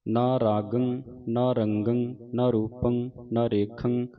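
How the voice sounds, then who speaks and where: A man with a Punjabi accent teaching scripture recitation, chanting it in a measured, syllable-by-syllable cadence and stopping to explain how words are pronounced. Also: mid-range voice, little pitch movement, faint music behind. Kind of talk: slow recitation lesson with pronunciation notes. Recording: dull lo-fi recording.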